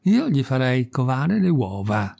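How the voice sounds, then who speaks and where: A man's voice: medium pitch, sing-song, measured pace, gravelly, a little mellow, exaggerated voice. A man reading a story aloud, voicing a crafty, teasing farmer who talks in a wheedling, mock-serious way. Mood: sly. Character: sly teasing country farmer, crafty middle-aged man.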